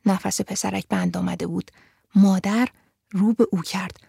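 A woman reading a storybook aloud in a calm, even way, her voice carrying a gravelly edge. The sound is close and dry, with no room around it. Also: mid-range voice, no room sound. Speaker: narrator.

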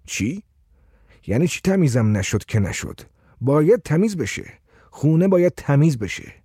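A man's voice: mid-range voice, sing-song, dark tone, slightly rough, dry recording, clean studio sound. A man reading a story voices a frank, easygoing laborer who talks bluntly. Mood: stern. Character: blunt, plain-spoken male laborer.

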